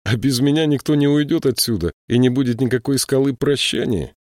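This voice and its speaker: A man voicing a small, stubborn male troll who calmly holds to his oath in an audiobook. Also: medium pitch, brisk, dry recording, clean studio sound, pitched above the performer's own voice, natural voice. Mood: resolute. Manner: calm, firm, quietly resolute.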